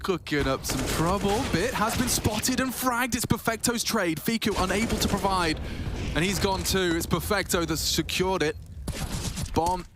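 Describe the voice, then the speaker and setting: A man's voice: sits high, normal speed. Dramatic male esports caster, noisy backdrop. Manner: dramatic, wordy play-by-play with colourful turns of phrase. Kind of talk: esports match commentary.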